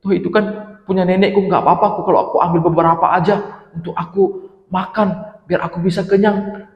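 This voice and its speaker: A man's voice: high-pitched, level tone, brisk, vocal fry, muffled recording, pitched above the performer's own voice. A man voicing a timid, hungry little critter that steals nuts, speaking in a whiny, fretful way. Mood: sneaky. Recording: echoey hall.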